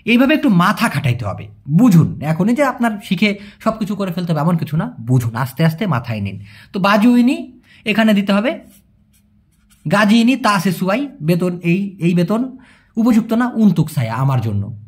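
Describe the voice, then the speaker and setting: A language teacher, talking in a husky, slightly breathy voice. The pitch rises and falls in an animated way as each new word is repeated slowly and explained patiently with everyday examples. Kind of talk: spoken language lesson.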